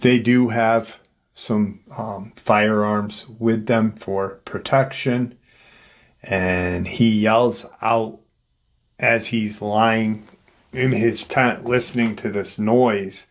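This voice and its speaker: Slow-talking low-voiced male storyteller. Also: steady tone. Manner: unscripted, with frequent fillers and restarts. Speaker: paranormal story narrator. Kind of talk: retelling an encounter account.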